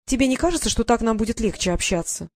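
A woman's voice: fairly high pitch, lively intonation, fast, darkish tone, dry recording, studio quality, voice pushed up. A woman voicing a tiny, haughty female fairy courtier who lectures and gets irritated easily. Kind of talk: audiobook character voice.

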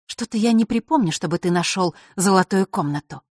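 An audiobook reader voicing a sharp-tongued young girl who answers with snide, cold retorts. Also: mid-range voice, a little fast, no room sound, studio quality, pitched above the performer's own voice, natural voice. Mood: mocking.

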